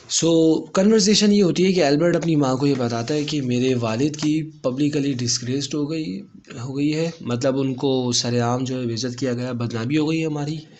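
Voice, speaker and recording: Man explaining a play step by step. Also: mid-range voice. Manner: explains step by step, mixing in English phrases. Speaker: teacher.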